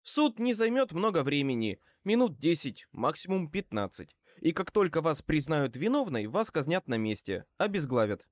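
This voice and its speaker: A man reading an audiobook as a male wizard private eye who speaks wryly and with calm menace. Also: on the high side, normal speed, hardly any pauses, no room sound, studio quality, pitched above the performer's own voice. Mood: wry, cool. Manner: wry, calmly threatening.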